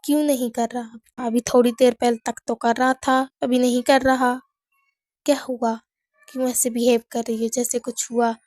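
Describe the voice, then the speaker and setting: A woman's voice: on the high side, flat delivery, normal speed, mellow, dry recording, clean studio sound, close to an everyday voice. A woman voicing an obsessive, volatile young lover. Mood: harsh. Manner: swings between tender pleading and harsh threats. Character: possessive, volatile young man in love. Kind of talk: audiobook character reading.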